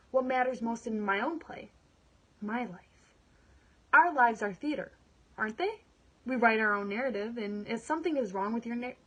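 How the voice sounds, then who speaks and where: A woman performing a dramatic monologue as a wronged, resolute woman, earnest and emotional, in short emphatic phrases with pauses. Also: mid-range voice, husky, rough recording. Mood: earnest yearning. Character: upset, resolute woman freeing herself from a negative life.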